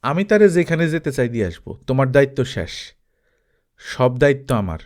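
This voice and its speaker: A man gives a mid-range, natural, brisk voice to a rich and dubious village merchant in an audiobook, brazen, composed and overbearing. Talking casually, he uses rhetorical questions to justify himself, coming across commanding and smug.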